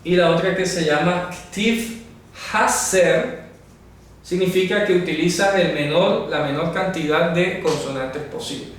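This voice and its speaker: In a room with a writing board, a man with a high-sitting, unhurried voice explains a Bible lesson step by step and keeps asking his audience if they follow. The sound is very echoey, picked up by a distant camera mic with faint noise.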